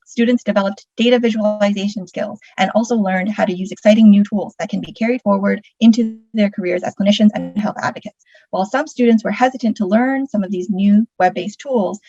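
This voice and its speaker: A woman's voice: mid-range voice, mellow, dry recording, muffled recording. A woman reading a scripted presentation as one of its presenters.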